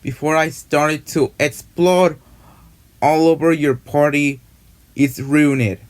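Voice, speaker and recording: A man narrating a cartoon in a rambling, halting, repetitive way. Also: a little high, steady tone. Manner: halting, repetitive, run-on retelling. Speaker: fan narrator retelling a cartoon.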